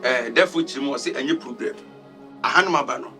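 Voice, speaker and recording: A Ghanaian man playing an excitable comic trickster in a skit, insistently repeating his words. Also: medium pitch, fast, faint music behind, natural voice. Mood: reassuring, insistent. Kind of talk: improvised comedy skit dialogue in Ghana.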